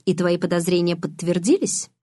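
A woman's voice: lowish voice, measured pace, dry recording. An aloof teenage vampire boy, cool and mocking, read by a woman in an audiobook. He speaks in a dry, restrained, sardonic way. The sound is close and dry. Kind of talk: audiobook reading.

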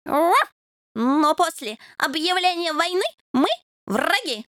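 Woman doing a high, pompous puppy knight. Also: lively intonation, takes it slowly, fairly bright tone, no echo, studio quality, full character voice. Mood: courtly. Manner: high-pitched, peppers speech with "oh"; pompous, chivalrous. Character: eager young male fox terrier puppy, would-be knight.

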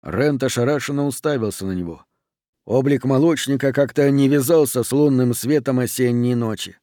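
A man's voice: mid-range voice, normal speed, warm tone, no echo. Man reading an audiobook, dry sound. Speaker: narrator. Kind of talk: audiobook narration.

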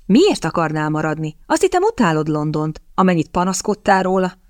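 A woman voicing a determined, impatient young elder sister who talks briskly and with exasperation. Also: lowish voice, animated, no room sound, clean studio sound, natural voice.

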